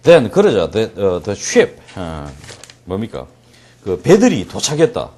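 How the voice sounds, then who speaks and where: A man's voice: fairly low pitch, wildly swooping pitch, a little mellow, slightly rough. A man teaching English reading in Korean, translating a story line by line and joking as he acts out scenes. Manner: jokey, acts out scenes with quick asides and laughs.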